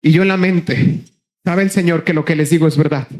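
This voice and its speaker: A man preaching a sermon as pastor, passionately calling to his congregation, rushing ahead in quick bursts and then slowing down hard for emphasis. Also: a little high, a little mellow. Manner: impassioned, repeatedly addressing the congregation as brothers; shifts between rapid bursts and slow, drawn-out emphasis.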